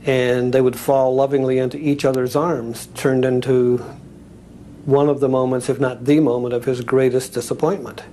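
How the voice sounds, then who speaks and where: A man's voice: mid-range voice, mellow, poor audio. Thoughtful male expert commentator. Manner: thoughtful, with small repetitions. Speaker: documentary interviewee, expert commentator. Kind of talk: reflective interview commentary.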